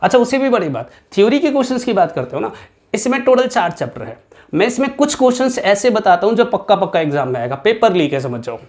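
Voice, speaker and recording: A man's voice: high-pitched, big pitch swings, quick pace, a little mellow. A man teaching accounts, talking straight to his students with firm emphasis. He repeats what matters and mixes English terms into his speech. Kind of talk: exam-prep lesson to students.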